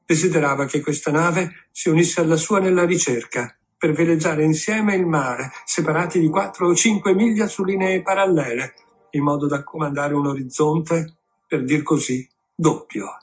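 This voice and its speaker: A man reading a classic novel aloud in a steady, literary narration. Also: fairly high pitch, normal speed.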